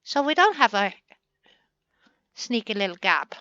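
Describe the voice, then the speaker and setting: A woman's voice: a little high, very animated, measured pace, pushed and bright, no room sound, lo-fi sound. A woman hosting a gaming channel, chatting through a building session in a playful way and talking to the game pieces as she works.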